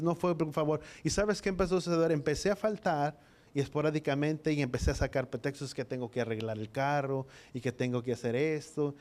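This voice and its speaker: A man preaches to a church congregation, telling his own story of faith. His voice sits a little high for a man, and he acts out the dialogue of his memories with earnest feeling. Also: darkish tone. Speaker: preacher giving a testimony. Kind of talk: sermon testimony.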